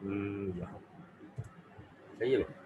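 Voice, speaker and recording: Male teacher, unhurried, faint background hum. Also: fairly low pitch, narrow, tinny audio. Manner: slow, careful pronunciation drills, repeating words. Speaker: English teacher. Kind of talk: live online vocabulary class.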